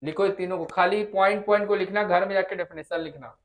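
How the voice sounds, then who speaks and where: High-voiced Hindi tutor checking on students. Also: male voice, steady tone, fast talker. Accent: Chhattisgarh Hindi. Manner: coaxing, repeats vowel sounds aloud, checks understanding. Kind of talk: classroom lesson. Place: classroom with students.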